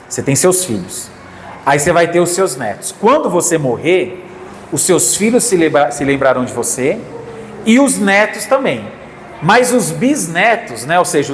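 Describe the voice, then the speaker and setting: Brazilian pastor preaching in an echoey hall. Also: male voice, fairly high pitch, slight background noise. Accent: Brazilian Portuguese. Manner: earnest, repeats key phrases, calls out to the congregation. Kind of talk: sermon. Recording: echoey hall with faint ambience.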